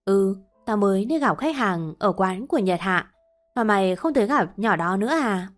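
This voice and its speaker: A woman's voice: medium pitch, animated, moderate pace, soft background music, natural voice. A woman voicing an easygoing young man who jokes and teases in a romance story. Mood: teasing. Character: teasing, easygoing young man, the husband's friend.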